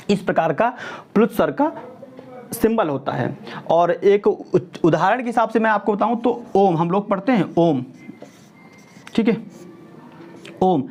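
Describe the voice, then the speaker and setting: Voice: medium pitch, darkish tone. A teacher giving an exam-prep lesson, stretching out vowel sounds to demonstrate them, slipping in English words and often checking that the class is following. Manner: keeps checking in with "ठीक है" and "clear है?"; mixes English words into explanations. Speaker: Hindi grammar teacher.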